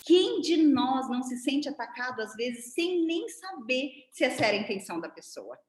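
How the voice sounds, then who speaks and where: Animated Brazilian woman lecturing on a video call. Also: high-pitched, normal speed. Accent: Brazilian Portuguese. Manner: didactic, animated, demonstrating with her hands. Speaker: seminar lecturer. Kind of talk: online lecture. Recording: roomy echo.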